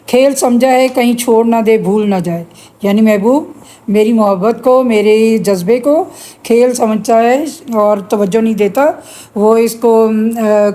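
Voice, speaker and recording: Woman teacher, Pakistani Urdu accent, higher voice, mellow tone, patient explanations. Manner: explains patiently, recites verses slowly. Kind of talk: classroom poetry lesson.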